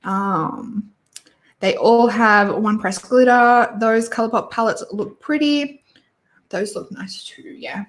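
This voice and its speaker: A woman's voice: fairly high pitch, takes it slowly, reverberant. A woman hosting a casual beauty chat, opinionated and rambling, with lots of fillers and restarts. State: hiccups and sneezy. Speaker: beauty YouTuber host. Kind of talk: casual livestream chat reviewing releases.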